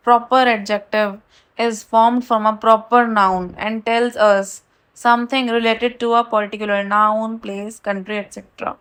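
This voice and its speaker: A woman with an Indian accent who teaches a grammar lesson. She reads the English rules out slowly and then explains them quickly. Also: a little high, a bit bright.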